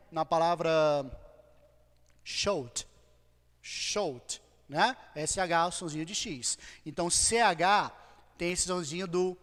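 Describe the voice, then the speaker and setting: A man's voice: high voice, a bit bright, long reverb tail. A Brazilian man teaching an English lesson, reading example sentences aloud and stopping to check that his students follow. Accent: Brazilian Portuguese. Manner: slow, patient, drawn-out model readings with frequent "okay?" checks. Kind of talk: online class lesson, switching to Portuguese to explain.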